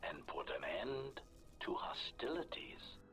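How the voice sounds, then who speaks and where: Game droid villain, metallic robot filter, lowish and swooping, systems failing, over game music. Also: male voice, big pitch swings, takes it slowly, fairly bright tone, in a whisper, full character voice, poor audio. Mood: coldly menacing. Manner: announces each line's intent in clipped labels. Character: menacing male assassin droid, cold and polite. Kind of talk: video game voice acting.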